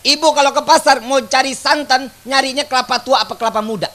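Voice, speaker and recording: A man preaching a humorous religious sermon, joking and calling out loudly to the crowd. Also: extremely high pitch, quick pace. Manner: joking, loud call-and-response with the crowd. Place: outdoor religious gathering.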